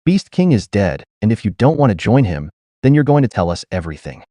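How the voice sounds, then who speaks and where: A man voicing a calm, commanding young male hero in a read-aloud story. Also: lowish voice, a little fast, no room sound. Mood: stern.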